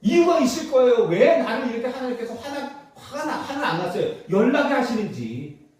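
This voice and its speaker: Male preacher, high and animated, insistent rhetorical questions, heard from a distance in a reverberant church. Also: a little fast. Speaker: pastor. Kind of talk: sermon. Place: church sanctuary. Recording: echoey church hall, distant mic.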